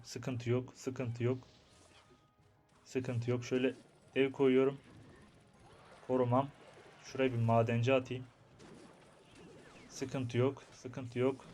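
A gaming YouTuber, a young man with a typical mid-pitched male voice, narrates a mobile game match live. He's excitable and talkative, speaking to viewers and mumbling to himself, at a slow pace with frequent pauses.

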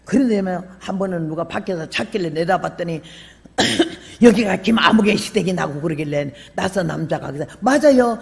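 Gravelly older woman preaching in a hall. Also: on the low side, moderate pace. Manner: folksy storytelling with humor; bursts into loud emphatic calls. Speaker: missionary preacher. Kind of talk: sermon. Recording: long hall reverb.

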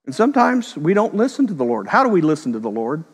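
A man's voice: fairly high pitch, sing-song, slightly rough. Middle-aged male pastor, reverberant sanctuary. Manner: conversational storytelling with quick voiced quotes. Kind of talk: sermon.

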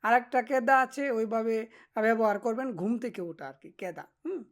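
A woman teaching a vocabulary lesson to learners. She is patient and encouraging, explains slowly with hesitant fillers, and keeps checking in with the class. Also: on the high side. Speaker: Korean language teacher.

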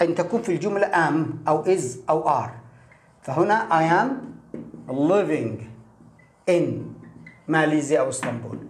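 A man teaching a lesson with an explanatory, animated delivery and frequent rhetorical questions. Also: high-pitched. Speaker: English teacher. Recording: echoey room.

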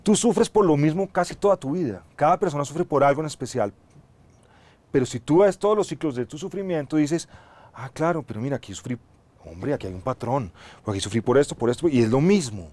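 A middle-aged man, an actor being interviewed on a TV studio set, answering in a reflective, measured and earnest way on a lapel mic. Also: on the high side, animated, a little mellow. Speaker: actor guest. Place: TV studio set, seated in armchair.

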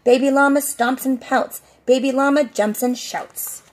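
Middle-aged female preschool teacher, high-pitched, expressive sing-song read-aloud for small children. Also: a little slow. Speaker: preschool teacher reading a storybook. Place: outdoors on a covered porch.

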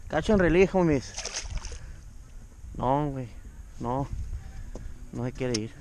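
A man, chatting excitedly and swearing freely while fishing, recorded outdoors on a boat by an action camera. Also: medium pitch, slow pace, a little hiss or hum. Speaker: angler filming his fishing trip. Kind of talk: casual fishing vlog banter. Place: outdoors on a bass boat on a lake. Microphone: first-person action camera.

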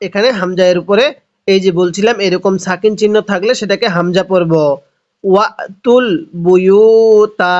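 A high-pitched man leads a Quran reading lesson. He draws out each word slowly and breaks it into syllables. The audio sounds dull and lo-fi. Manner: drawn-out syllable-by-syllable recitation with quick spoken explanations. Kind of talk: slow spelled-out Quran recitation lesson.

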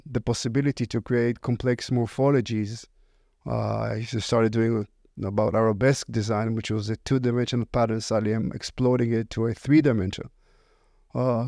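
A middle-aged company founder with an Israeli accent tells stories casually as a podcast guest in an interview. His mid-range voice has a warm tone, and the recording is very dry.

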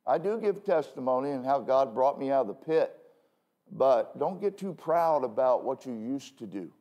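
A male pastor preaching a sermon from the pulpit in a conversational way, full of self-deprecating asides and quick "okay?" checks with the congregation. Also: medium pitch, animated, dull audio. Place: church pulpit.

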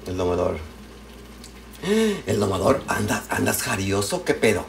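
This streamer's voice is lowish and gravelly, very animated yet unhurried, with a Mexican accent. He cooks in a home kitchen at night, affectionately greeting viewers by name with slang and pet names as pots, dishes and frying sizzle behind him.

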